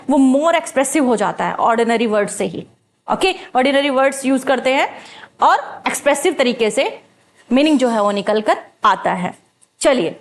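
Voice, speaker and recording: A woman with a high, light voice teaches literature in a patient, explaining way. She mixes Hindi and English and leans on everyday examples and check-in questions.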